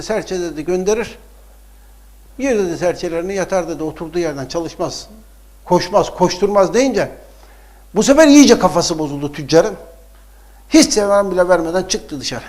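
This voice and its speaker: A man with a high voice gives a storytelling sermon. He acts out the characters' exchanges and moves between quiet, hushed passages and loud, emphatic peaks. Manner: animated, acts out dialogue, swings from hushed to loud. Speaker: preacher.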